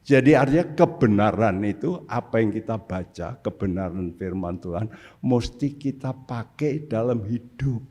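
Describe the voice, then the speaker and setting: A man's voice: on the low side, expressive, moderate pace, dark tone, breathy edge. An older man preaching a sermon as pastor, putting rhetorical questions to the congregation. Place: church service.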